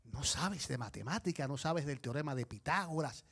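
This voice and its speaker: A man's voice: medium pitch, animated, moderate pace, a bit bright, husky, voice pushed down. A man doing a smug know-it-all scholar. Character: smug learned man showing off.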